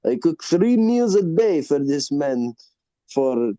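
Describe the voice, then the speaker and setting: A man voicing a stern older male bagel shop owner, gruff and clipped. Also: fairly high pitch, very animated, slow pace, mellow, dry recording.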